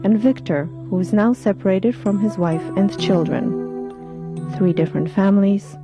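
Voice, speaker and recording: Measured woman narrating over music. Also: medium pitch. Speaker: documentary narrator. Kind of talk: scripted narration.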